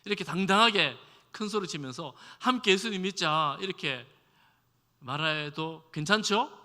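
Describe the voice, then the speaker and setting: A man's voice: high voice, lively intonation, moderate pace, sharp tone. A male pastor giving a conversational sermon in a church, asking the congregation questions and acting out quoted speech. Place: church sanctuary. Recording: long hall reverb.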